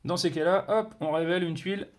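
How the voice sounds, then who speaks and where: A man's voice: high-pitched, quick pace. A man reviewing a board game, explaining its rules casually with many fillers, restarts and playful sound words. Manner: hesitant, many fillers and self-corrections.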